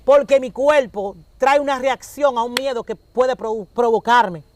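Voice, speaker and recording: A woman's voice: on the high side, unhurried, a little hiss or hum. A woman, preaching conversationally and acting out little dialogues as she talks. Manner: animated, acts out dialogues with shifting voices.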